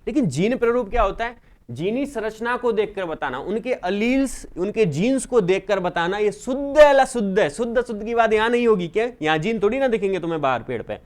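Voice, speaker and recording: A man with a Rajasthani Hindi accent teaching a class, lively and repetitive, asking students questions and answering them himself. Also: sits high, a little fast. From India. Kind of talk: classroom lecture.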